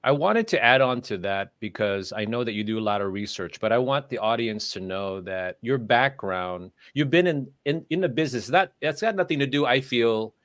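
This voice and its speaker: A man's voice: medium pitch, normal speed, few pauses, a bit bright, no echo. A man hosting a livestream interview, asking long, rambling questions full of restarts. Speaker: livestream show host. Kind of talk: casual interview conversation. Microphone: livestream call microphone.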